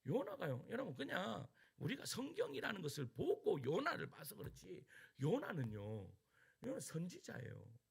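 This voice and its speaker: Gravelly high-pitched male pastor preaching. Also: wildly swooping pitch, moderate pace. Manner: emphatic preaching, rhetorical questions, swings between loud and hushed. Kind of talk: sermon.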